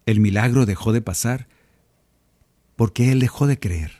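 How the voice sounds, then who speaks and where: Mellow-voiced man preaching over guitar. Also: mid-range voice, a little slow, no room sound. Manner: earnest, gently persuasive, speaks directly to the listener. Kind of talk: conversational preaching reflection. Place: home recording studio.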